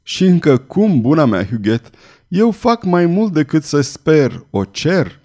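A brooding swordsman bent on vengeance, read by a male narrator. He speaks low and stern, with a menacing edge and a dark, mellow tone. The pitch rises and falls with feeling. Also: very animated. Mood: resolute.

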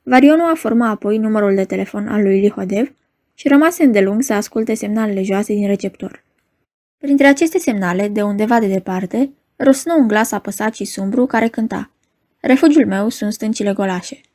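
A woman narrating a novel in a measured storytelling manner. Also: mid-range voice, a little mellow. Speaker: audiobook narrator. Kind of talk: novel reading.

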